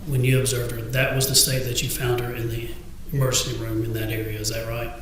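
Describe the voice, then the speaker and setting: A man's voice: medium pitch, completely flat delivery, fast, fairly bright tone. A man working as an attorney, formally putting leading questions to a witness and asking for confirmation. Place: indoor courtroom. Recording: very echoey courtroom, distant mic, faint noise.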